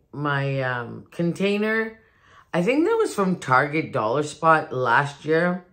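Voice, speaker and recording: A woman's voice: low voice, a bit bright. Chatty woman vlogging at home. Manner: chatty, rambling, with many restarts. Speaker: DIY vlogger. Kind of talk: casual chat to camera. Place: new home, indoors. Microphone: phone on a ring light.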